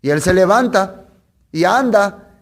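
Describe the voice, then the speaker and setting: Male preacher with a fairly high voice, teaching the Bible in a chatty sermon and tossing in rhetorical questions. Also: expressive, unhurried. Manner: conversational, asks rhetorical questions, corrects himself mid-sentence.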